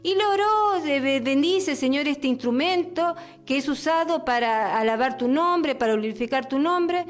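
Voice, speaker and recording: A woman's voice: high voice, animated, normal speed, few pauses, faint music behind. A woman preacher on a radio program, giving an earnest sermon and a long prayer, often repeating and restarting her words.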